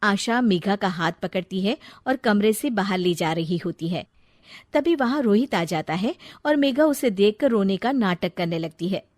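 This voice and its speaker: A woman narrating a children's cartoon story in a steady storytelling manner. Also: mid-range voice, normal speed, no echo, clean studio sound.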